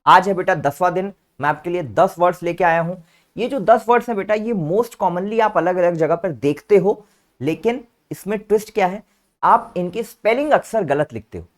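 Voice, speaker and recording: A man with a high-sitting voice speaks at a normal speed. He's a teacher running an online vocabulary lesson, patiently spelling out each word letter by letter and fondly coaxing his students by calling them "beta."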